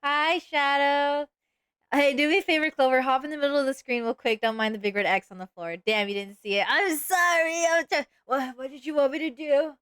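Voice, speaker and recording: A woman's voice: high-pitched, fairly quick, a bit bright, no room sound, clean studio sound. A woman streaming live as a VTuber, chatting casually and playfully while she animates, with sudden dramatic outbursts.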